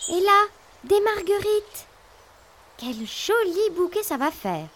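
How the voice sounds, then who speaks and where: A woman voicing an excitable young boy, the eldest of seven brothers, in an exclamatory childlike voice. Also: very high-pitched, slow pace, a little hiss or hum, exaggerated voice. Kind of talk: storybook voice acting.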